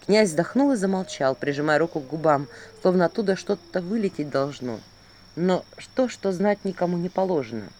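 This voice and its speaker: Woman reading a fairy tale, lively. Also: on the low side, moderate pace, slight background noise. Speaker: audiobook narrator.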